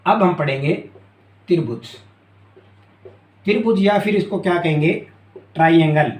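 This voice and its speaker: High-voiced man teaching at a board. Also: a little slow, darkish tone. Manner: repeats key terms and asks "clear?". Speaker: math teacher. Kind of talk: classroom lesson at a board. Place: classroom with a board. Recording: echoey room.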